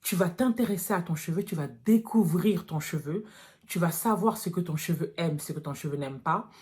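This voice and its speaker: A woman's voice: lowish voice, normal speed, a little mellow. Frank woman vlogger talking straight. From France. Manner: frank and direct, addressing viewers as girls. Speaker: natural hair vlogger. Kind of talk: casual vlog talk to viewers.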